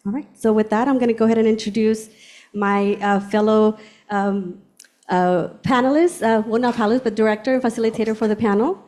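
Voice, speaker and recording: A woman's voice: on the high side, fairly even intonation, a little fast, darkish tone. A woman hosting a campus panel as assistant director, explaining points carefully and stressing what matters. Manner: explanatory, emphasizing key points. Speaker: host, assistant director of international education. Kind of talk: event moderation.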